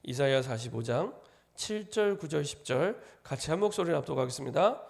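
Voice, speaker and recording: A man preaches an early-morning sermon in a church, his voice set slightly high and roughened by a steady gravelly fry. He reads scripture with slow, emphatic stresses. Between verses he falls into a plain, conversational way of telling his own story. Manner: tells a personal story in a conversational tone. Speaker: pastor. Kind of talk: dawn sermon with scripture reading.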